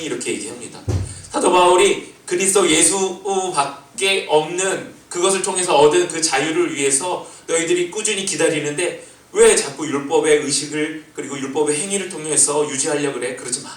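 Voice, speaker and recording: A senior pastor preaching a Sunday sermon, voicing rebukes as questions and asking the congregation how they are doing. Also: male voice, on the high side. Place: church sanctuary. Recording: echoey church hall from far off.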